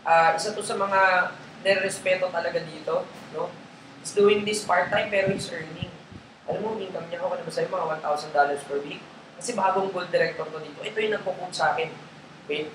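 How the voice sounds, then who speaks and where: A man's voice: high voice, fairly quick. Guy running a sales training, taglish, keeps going "okay? tama?", echoey room with faint noise. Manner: casual, mixes English into Tagalog, checks in with listeners often. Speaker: network marketing trainer. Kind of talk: live coaching session to a group. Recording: roomy echo, faint background noise.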